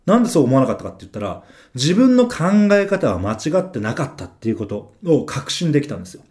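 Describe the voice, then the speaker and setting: A man tells his own story in a relaxed, conversational monologue. His voice is dark and mellow, and his pitch swings widely as he goes. He keeps punctuating his thoughts with small affirming fillers. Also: fast talker. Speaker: trader recounting his experience.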